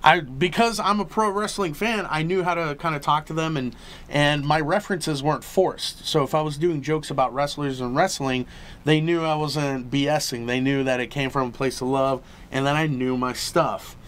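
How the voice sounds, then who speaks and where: A man's voice: on the high side, steady tone, moderate pace, fairly bright tone. A man from Texas, a guest comedian, talking in an interview, eager and chatty with many fillers. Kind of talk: interview chat.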